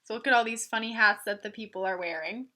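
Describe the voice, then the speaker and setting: A woman with a mid-range voice talks fast, bright and forceful, as she reads a picture book to children. In a teacherly manner she breaks in with simple explanations and asks the listeners questions.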